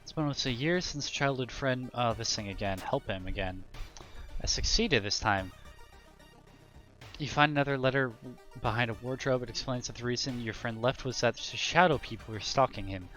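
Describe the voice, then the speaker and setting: A man streaming a game, casually reading its text aloud and thinking out loud, with relaxed, profane asides. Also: medium pitch, normal speed, faint music behind.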